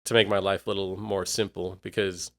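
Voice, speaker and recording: A man's voice: sits low, level tone, fairly quick, fairly bright tone. Rambling, slightly worn-voiced man. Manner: rambling, reflective, with many fillers and restarts. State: voice a bit worn. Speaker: podcast host. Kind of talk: casual solo monologue.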